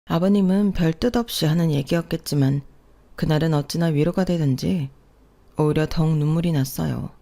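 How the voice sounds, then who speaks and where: A woman tells a scripted family drama in a calm, plaintive way. Her voice sits fairly low with a mellow, warm color. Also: moderate pace, gravelly. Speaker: narrator. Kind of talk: scripted narration of a drama story.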